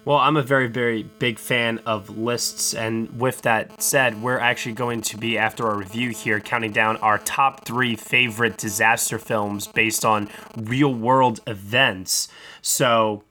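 A man hosts a film podcast and introduces his guests in an upbeat, friendly way. His voice is bright and forceful, with a pitch in the middle range. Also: fairly even intonation, measured pace. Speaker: podcast host. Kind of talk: casual podcast hosting.

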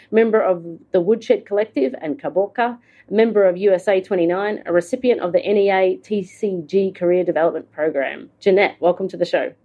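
A woman's voice: fairly low pitch, dark tone. A woman co-hosting a podcast, introducing a guest and responding with enthusiastic encouragement. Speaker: podcast co-host. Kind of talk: reading a guest bio, then chatting.

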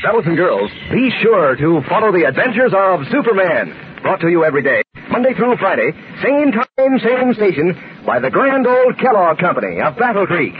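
A man's voice: high-pitched, sing-song, normal speed, soft background music. A man reading a scripted sponsor message as a 1940s radio announcer. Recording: narrow, faintly noisy old radio recording.

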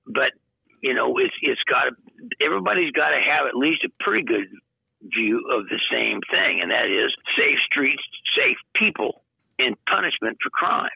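Gravelly older man on a phone line. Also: medium pitch, no room sound. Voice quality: gravelly, husky. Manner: plain-spoken, folksy, halting. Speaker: interview guest, county prosecutor. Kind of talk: informal phone interview. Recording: tinny narrow phone line.

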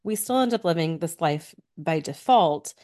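A woman's voice: sits low, animated, normal speed, warm tone. A woman co-hosting a podcast and speaking in the earnest, encouraging tone of a business coach. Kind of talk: casual podcast chat.

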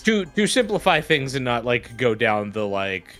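A man running a tabletop role-playing game as game master, narrating in a casual, halting way. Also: medium pitch, sing-song. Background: background music.

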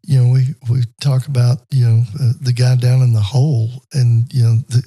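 A man's voice: mid-range voice, flat delivery, normal speed, warm tone, breathy edge. A man co-hosting a podcast in casual conversation, chatty and full of fillers, telling stories as he goes.

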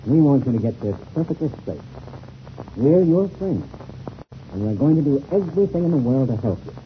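Noisy, thin old radio recording. A man plays a hearty, avuncular adventurer who takes charge, with emphatic delivery that swings widely in pitch, in a vintage serial. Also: very animated, fairly quick, phone-quality sound, lightly acted. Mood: coaxing. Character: hearty, take-charge grown man, the hero's loyal partner.

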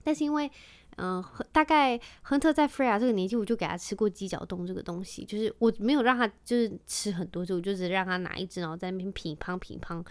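Chatty mom, dry close sound. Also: female voice, medium pitch, fast talker, clear, resonant tone, no room sound. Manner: lively storytelling, drops in English phrases. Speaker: vlogger and mother. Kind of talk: casual chatty monologue.

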